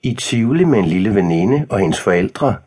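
A man's voice: lowish voice, animated, darkish tone, slightly rough. A male narrator voicing a harsh, drunk mother in an audiobook. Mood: cooing. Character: harsh drunk mother, threatening then cooing.

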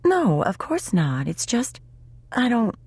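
A proud, defensive young single mother who won't accept help, voiced by a woman narrator. She speaks in clipped, insistent bursts, noticeably higher than the narration. The recording is close and dry. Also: wildly swooping pitch, slow, a little mellow, breathy edge, dry recording, heavily acted. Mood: flustered.

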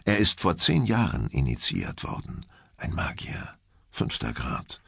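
A man voicing a calm older male magician who teaches young trainees in an audiobook. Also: a bass voice, unhurried, creaky, breathy edge, dry recording, voice pushed down, heavily acted. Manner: calm and instructive, then commanding shouts.

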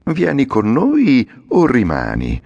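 A man voicing a sly, flattering little old man with a sugary, cruel edge, in a storybook reading. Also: mid-range voice, gravelly, slightly rough, lo-fi sound, voice pushed up, full character voice. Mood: honeyed. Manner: slow, honeyed and flattering.

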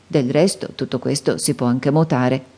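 A woman's voice: extremely low pitch, fairly even intonation, moderate pace, dark tone, husky, full character voice. A woman doing a hesitant, kindly father. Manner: hesitant, apologetic. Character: kindly, weak, embarrassed middle-aged father. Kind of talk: audiobook character reading.

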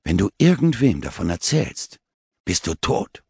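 A man's voice: deep voice, big pitch swings, measured pace, gravelly, darkish tone, slightly rough, no echo, clean studio sound, full character voice. A man voicing a cocky young boy, boastful and teasing, in a storybook reading. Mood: threatening. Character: cocky young boy, grinning know-it-all.

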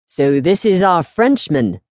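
A woman's voice: lowish voice, very animated, slow, no echo, clean studio sound. A woman narrator voicing a jovial, squat male priest who sighs and jokes at his own expense in an audiobook reading. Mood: jovial welcome.

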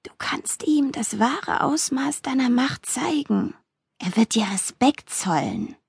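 A woman voicing a dark, warm presence inside the mind, in whispered role-play. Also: sits high, expressive, slow, gravelly, husky, no echo, studio quality, pitched above the performer's own voice, exaggerated voice. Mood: coaxing. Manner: whispering, coaxing.

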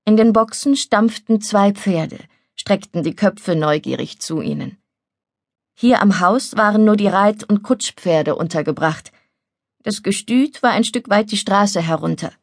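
A woman reading a novel as audiobook narrator in a calm, measured way. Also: mid-range voice, no room sound. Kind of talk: scripted narration. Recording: dry studio recording.

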